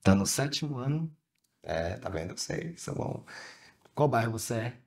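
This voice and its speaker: A man hosting a podcast live in front of a theatre audience. He chats with guests in a casual, encouraging way, and his pitch moves around a lot. His voice sits at an ordinary middle pitch. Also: very animated, normal speed, gravelly, darkish tone, breathy edge. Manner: chatty and encouraging. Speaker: podcast host.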